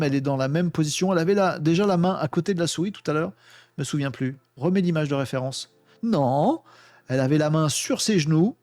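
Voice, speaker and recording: A man's voice: fairly high pitch, a little mellow, dry recording. Chatty French man thinking aloud. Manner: chatty, thinks aloud, many fillers and self-talk. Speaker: tech video host. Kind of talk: casual screen-share demo.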